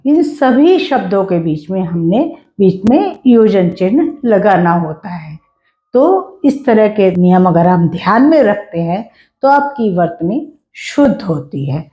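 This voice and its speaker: A woman teaching a spelling lesson, speaking slowly and deliberately and repeating example words for her students. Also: mid-range voice, echoey room, highs cut off.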